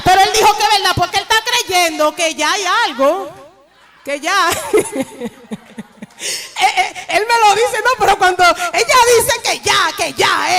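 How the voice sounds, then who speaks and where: High bright Dominican woman preacher. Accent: Dominican Spanish. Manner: animated storytelling, laughing, acting out dialogue. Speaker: preacher giving testimony. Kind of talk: church testimony.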